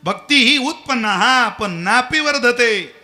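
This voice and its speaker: Bright, animated male kirtan preacher. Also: very high-pitched, slow pace, faint music behind. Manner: animated, humorous, quotes scripture. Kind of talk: devotional kirtan sermon with storytelling.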